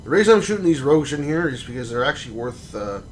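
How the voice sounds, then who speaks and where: Here the space-game streamer talks at a quick pace in a mid-range voice, and a little hiss or hum can be heard. His commentary stays laid-back and rambling, heavy on fillers, ums, and restarts.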